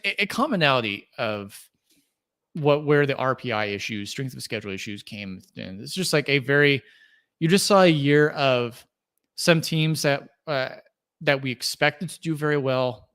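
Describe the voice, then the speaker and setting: A young man hosts a solo sports podcast in an easy, unscripted way. His voice is smooth and clear, sitting at a middle pitch. He thinks aloud, with plenty of fillers and restarts. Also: animated, measured pace, fairly bright tone. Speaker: podcast host. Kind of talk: casual solo podcast commentary.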